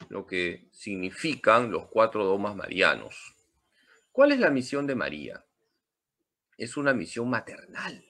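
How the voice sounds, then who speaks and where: Lively bright-voiced priest. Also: male voice, fairly low pitch. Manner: emphatic, lively teaching with humor. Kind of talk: Marian catechesis talk.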